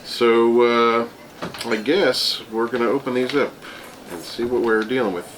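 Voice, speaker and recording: A man's voice: medium pitch, measured pace, a bit bright. A man giving a casual taste-test review as host, rambling and thinking aloud. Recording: clearly noisy room ambience.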